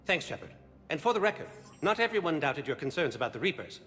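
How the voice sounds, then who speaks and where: Voicing the same kind of video game role, a confident and intense alien special agent, a man talks quickly with a fairly high, slightly bright voice and wide pitch swings. He sounds earnest and intent, with clipped, formal phrasing, and there's long reverb and background noise behind him.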